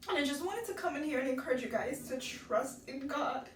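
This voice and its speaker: A woman's voice: high-pitched, animated, fairly quick, a little hiss or hum. A woman happy crying as she gives a casual, earnest, encouraging personal testimony, tearful as she talks. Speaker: vlogger giving a personal testimony. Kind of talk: casual heartfelt testimony to camera. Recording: roomy echo, distant from mic.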